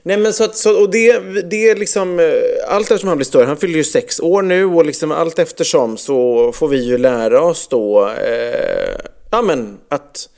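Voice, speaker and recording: A man in his thirties talks through a personal story in a relaxed conversation. His voice sits somewhat high and swings widely in pitch. He is animated, drops frequent fillers and swears casually.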